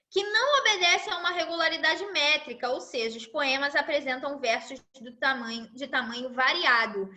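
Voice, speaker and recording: A woman's voice: high voice, sharp tone. A woman teacher, giving a chatty live class and checking in with tag questions.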